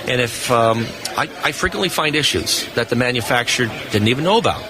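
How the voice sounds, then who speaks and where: At a booth on a busy convention hall floor, a radio equipment test engineer gives unscripted, explanatory answers in a live interview. His mid-range voice has lively intonation and moves fairly quickly over the noisy background.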